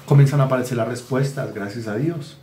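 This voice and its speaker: A man preaching a sermon as pastor, animated and mimicking people to make his point. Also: mid-range voice, a little fast, roomy sound, a little hiss or hum.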